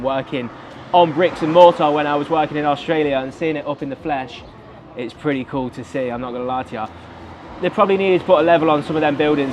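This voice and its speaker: An enthusiastic man chatting his way through a travel vlog at a middling pitch, quick and lively in delivery. He is recorded outdoors, with traffic and street noise clearly underneath. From United Kingdom. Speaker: travel vlogger. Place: outdoors by a road.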